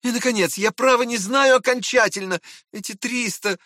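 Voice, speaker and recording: A man's voice: very high-pitched, normal speed, dry recording, clean studio sound, voice pushed up. A man reading aloud and voicing a proud, hot-tempered young man who argues with indignant urgency. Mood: emotional, pleading. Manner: excited, indignant pleading.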